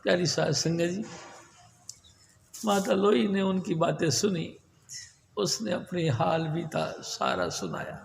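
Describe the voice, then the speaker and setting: A male preacher tells a devotional story at an unhurried, earnest pace in a slightly high, gravelly voice. He speaks to his congregation in a hall, and the sound rings with long reverb and faint noise behind it. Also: very animated.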